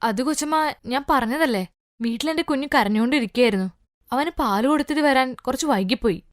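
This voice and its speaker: A woman's voice: high voice, brisk, no room sound, studio quality, close to an everyday voice. A woman voicing a humble young housemaid in a cartoon story, speaking apologetically. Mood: apologetic. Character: meek young housemaid and mother.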